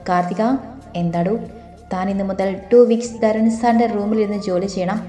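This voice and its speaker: A woman voicing Giri, a pushy male office colleague who passes on orders in a brisk, insistent way, in a read-aloud story. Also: mid-range voice, steady tone, dark tone, roomy sound, soft background music, lightly acted.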